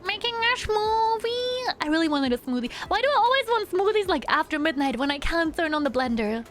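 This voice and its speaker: A woman with a high voice chats casually as she streams a game, in a cute anime streamer style. She is playful and sweet, with music playing clearly behind her. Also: expressive, quick pace, fairly bright tone. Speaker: livestreamer playing a story game. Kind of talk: casual stream chat over gameplay.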